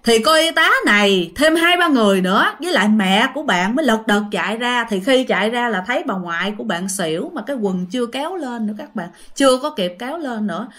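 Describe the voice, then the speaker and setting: A woman's voice: a little high, expressive, fast, few pauses, a bit bright. A woman with a Southern Vietnamese accent telling a ghost story casually, chatting directly to her listeners.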